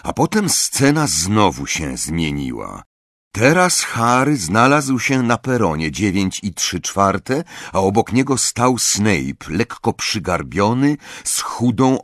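Low-voiced man narrating an audiobook. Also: takes it slowly, no room sound, clean studio sound. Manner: expressive storytelling reading. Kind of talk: scripted narration.

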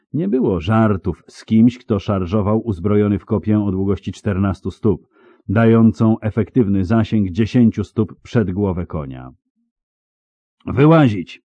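Casting: expressive male audiobook narrator, low voice, dry close sound. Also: no echo, muffled recording. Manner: expressive, dramatic storytelling. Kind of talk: scripted narration.

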